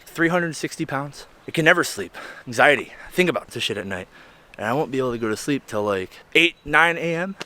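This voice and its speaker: A man's voice: medium pitch, expressive, brisk, sharp tone. A young man telling his own story in a candid, rambling vlog, swearing and often checking in with "right?". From Illinois. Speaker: vlogger. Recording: faint music behind. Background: faint background music.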